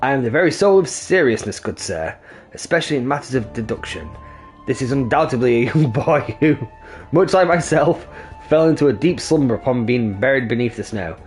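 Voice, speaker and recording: A man voicing a pompous, self-important gentleman inspector from a video game, speaking in a florid, theatrical way. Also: medium pitch, lively intonation, brisk, faint music behind, close to an everyday voice.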